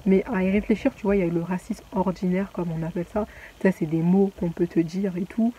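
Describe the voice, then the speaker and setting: Young woman, casual vlog chat, rambling and restarting, low mellow voice, faint room noise. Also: fairly even intonation, a little fast, rough recording. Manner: rambling, lots of fillers and restarts. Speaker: vlogger.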